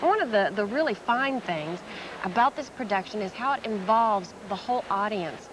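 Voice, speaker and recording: A woman's voice: mid-range voice, animated, normal speed. A woman co-hosting a television broadcast, presenting a live event conversationally. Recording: clear background venue noise.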